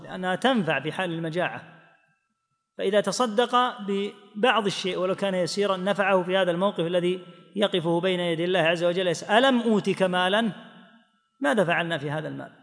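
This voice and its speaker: A man giving a measured religious lesson, explaining texts and voicing quoted speakers. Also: high-pitched, fairly bright tone, big-room sound. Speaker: teacher explaining hadith.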